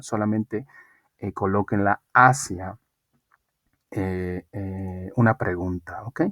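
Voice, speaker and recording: A male English teacher with a Mexican Spanish accent leads an online class, calm and encouraging, often checking in with a quick "ok?". His voice sits in an ordinary middle pitch. The recording is dry and close, with no room sound. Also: dry recording. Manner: slow, deliberate model sentences in English.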